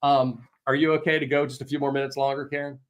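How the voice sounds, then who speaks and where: A man hosting a casual livestream Q&A as a real estate agent, telling animated stories and swearing mildly. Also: mid-range voice, fast talker. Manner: chatty, animated storytelling with mild swearing.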